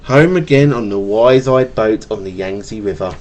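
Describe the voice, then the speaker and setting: This father, reading a bedtime picture book to his child, stutters, stumbling over and repeating words. He has a lowish, slightly mellow voice at a moderate pace, with slight background noise. The clip is a webcam recording made at home on the webcam's microphone.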